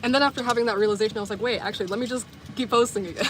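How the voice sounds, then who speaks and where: A Southern US woman in her twenties vlogs and livestreams, chatting casually with her viewers in a slightly high voice at a very fast clip. She rambles, tossing in plenty of "like" and correcting herself, over a little background noise.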